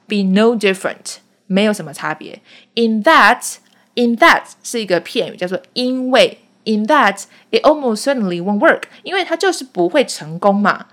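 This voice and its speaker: A woman's voice: medium pitch, fairly bright tone. A woman teacher patiently explaining English film dialogue line by line, mixing English phrases into her explanations.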